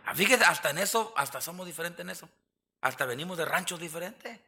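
Bright, folksy Mexican pastor man. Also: a little high, fast. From southern Mexico. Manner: folksy, joking, asks the congregation for amens. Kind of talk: sermon. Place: church.

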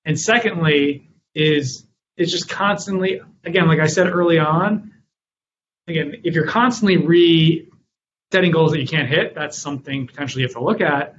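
A man talks through business lessons in an interview, and his voice sits a little high for a man. The sound is muffled and lo-fi, with a faint hiss underneath. He tells stories from his work and acts out his own past lines. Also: normal speed, a bit bright. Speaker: guest, company founder and author. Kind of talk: interview answers.

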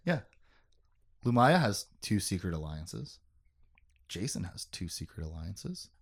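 A man's voice: sits low, big pitch swings, measured pace, creaky, breathy edge. A man hosting a podcast, recapping a book in casual chat, joking, laughing often and swearing.

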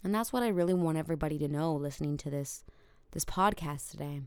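A woman's voice: deep voice, fast talker, clean tone, no echo. A woman hosting a podcast, talking earnestly about choice and mindset in a rambling, filler-heavy way. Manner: earnest, rambling, many fillers like "you know" and "like". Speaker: podcast host. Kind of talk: reflective self-help talk.

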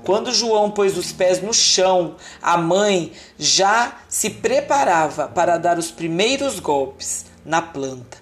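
A woman's voice: fairly low pitch, expressive, slow, hardly any pauses, faint music behind. Woman reading a fairy tale aloud. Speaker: storyteller.

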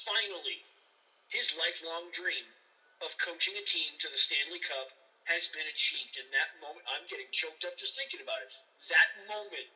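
A high, very bright male voice preaching about sportsmanship with plenty of swearing and heavy emphasis. He sounds a little far from the mic, with a slightly dull, muffled tone. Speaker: podcast co-host. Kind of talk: profane sports rant.

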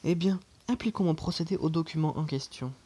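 A reader voicing an irascible, obsessive older male professor in an audiobook, raising the pitch and pushing louder. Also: fairly quick, noisy background, close to an everyday voice. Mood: brisk. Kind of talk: audiobook character reading.

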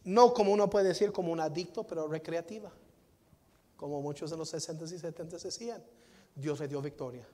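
High-voiced preacher in a reverberant hall. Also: male voice. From United States. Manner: dynamic preaching, swings from soft to loud, repeats phrases. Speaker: pastor. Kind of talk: sermon. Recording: long reverb of a large hall.

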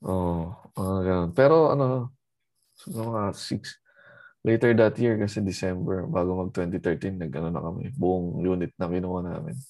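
A man's voice: low-pitched, normal speed, darkish tone. Chatty man who laughs often. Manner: chatty, laughs often, mixes English into Filipino speech. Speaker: interview guest. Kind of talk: casual interview chat.

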